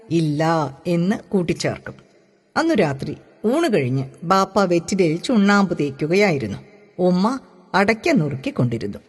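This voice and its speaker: A woman narrating a novel chapter in a measured, expressive reading voice. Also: mid-range voice. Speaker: audiobook reader. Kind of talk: storybook reading. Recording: long reverb.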